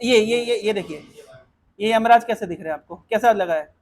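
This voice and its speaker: High-voiced male preacher leading devotional talk. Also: moderate pace, a little mellow. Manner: explanatory, asks the audience questions and leads call-and-response recitation. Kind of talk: devotional talk with verse chanting.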